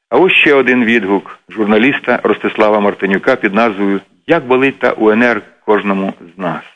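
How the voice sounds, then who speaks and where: A man's voice: medium pitch, gravelly. A man hosting a radio program, giving an earnest, emotive scripted reading. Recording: dull lo-fi radio recording.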